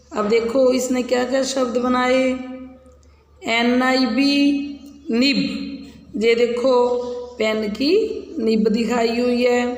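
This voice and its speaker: A woman teacher giving a phonics lesson to small children, spelling out letters slowly and repeating each word. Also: a little high, gravelly. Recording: echoey roomy recording.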